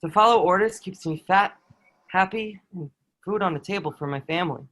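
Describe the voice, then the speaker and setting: In a table read of a historical drama, a man voices a medieval soldier in a notably high male voice at a fairly quick pace. The character is a proud, dutiful lackey, quietly awed by his prisoner, and the lines are earnest and formal like a historical stage play.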